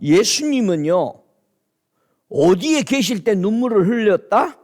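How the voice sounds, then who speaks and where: A male pastor preaching a sermon, reading scripture slowly and solemnly, then asking the congregation questions and answering them himself. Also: big pitch swings. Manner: climbs to high, near-shouted emphasis.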